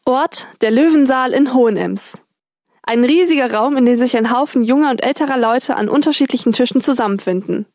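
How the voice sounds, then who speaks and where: A woman's voice: high-pitched, brisk, a little mellow, no room sound, studio quality. A young woman student reading a scripted radio report. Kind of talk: scripted narration.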